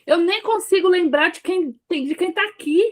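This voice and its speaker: A woman with a Brazilian Portuguese accent talks casually on a faith panel. Her voice is fairly high, and she rambles, stumbling over restarts as she questions her own views. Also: normal speed.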